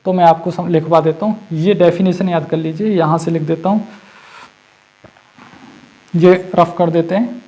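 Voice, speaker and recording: High-voiced male teacher. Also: fairly even intonation, moderate pace, pauses often, dark tone. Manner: asks questions and answers them himself, repeats key terms; mixes Hindi with English terms. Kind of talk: exam-prep physics lecture.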